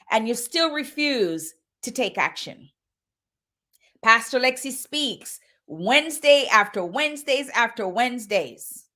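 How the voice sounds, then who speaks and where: A woman's voice: on the high side, bright, forceful tone. A woman in her fifties giving an urgent motivational sermon as a minister, repeating phrases for emphasis. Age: 50s.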